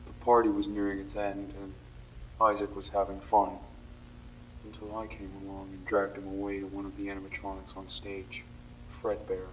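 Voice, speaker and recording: A male actor voices a brooding, guilt-ridden young man confessing dark memories in a scripted audio-log monologue for a horror fan drama. His delivery is low, flat, somber and halting, with heavy pauses, in a heavy, confessing mood and close to an everyday voice. It is captured off-mic from a distance, with faint noise and poor audio.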